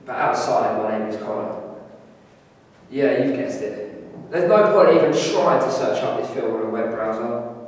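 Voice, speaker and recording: A man's voice: medium pitch, lively intonation, normal speed. A young man giving a scripted introduction to camera in a classroom. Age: young adult. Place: indoor classroom. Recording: echoey room, distant mic, faint noise.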